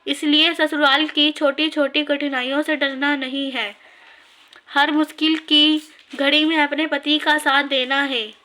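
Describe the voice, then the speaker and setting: A woman's voice: high voice, little pitch movement, measured pace, pushed and bright. Woman reading as a grieving young mother.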